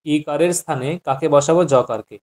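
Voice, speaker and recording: A man's voice: fairly high pitch, a little fast, darkish tone. A man teaching Sanskrit grammar in an online class, patiently quizzing his students and repeating each point.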